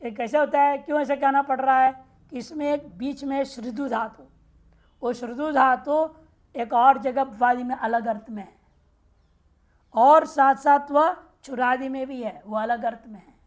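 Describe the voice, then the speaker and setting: High-voiced woman teaching grammar. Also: fairly even intonation, a little slow. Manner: explains step by step, asks rhetorical check questions. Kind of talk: classroom lecture on grammar rules. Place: ashram teaching room.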